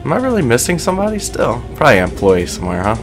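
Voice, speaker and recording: A man's voice: mid-range voice, wildly swooping pitch, racing. A young man commentating casually on his own gameplay, nervous and self-mocking. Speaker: let's play commentator. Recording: game music underneath. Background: game music and sound effects.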